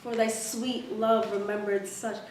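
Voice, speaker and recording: A woman's voice: mid-range voice, level tone, measured pace, a little mellow. A woman reciting a sonnet dramatically as a contestant. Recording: echoey hall, distant mic, faint noise.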